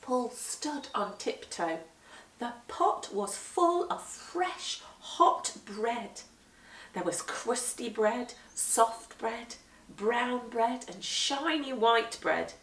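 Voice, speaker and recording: A woman storyteller with a slightly high voice reads an expressive children's picture book aloud to kids, deliberate, animated, and emphatic. The recording has a roomy echo and a distant microphone.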